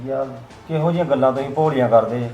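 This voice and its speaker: A man's voice: mid-range voice, fast, warm tone, faint music behind, natural voice. A man playing an idle, stubborn younger brother who insistently argues back. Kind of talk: scripted web drama acting. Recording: roomy, dull lo-fi sound.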